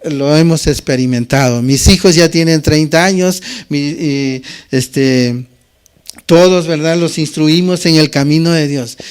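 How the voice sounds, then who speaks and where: A man's voice: a little high, measured pace, clean tone. A man in his fifties with a Mexican accent, preaching a sermon and asking the congregation "¿verdad?" again and again. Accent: Mexican Spanish. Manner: peppers talk with rhetorical "¿verdad?".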